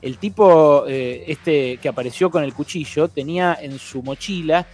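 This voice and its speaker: A man with an Argentine accent delivering an unscripted radio editorial, filling pauses with "eh" and correcting himself as he goes. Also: a little high, a little mellow, faint music behind. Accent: Argentine Spanish. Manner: unscripted, many "eh" fillers and self-corrections. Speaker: radio host giving an editorial. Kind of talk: spoken editorial commentary.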